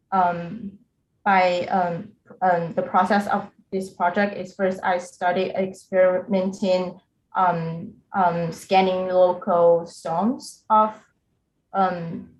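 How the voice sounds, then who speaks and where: A young woman presents her project over a video call at a slow, careful pace, often stopping on filler sounds and restarting words. Her voice sits low for a woman. The call audio sounds echoey, with a faint hiss behind it. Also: flat delivery, darkish tone. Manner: hesitant, with many filler "um"s and word restarts. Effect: heard over a video call. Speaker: student presenting remotely. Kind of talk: presenting a design project in a review.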